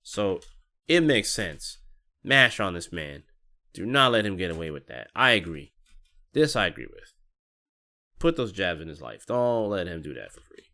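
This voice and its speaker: A man hosting a casual match analysis, talking in an excitable, slangy way and laughing often. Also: low voice, moderate pace, long pauses.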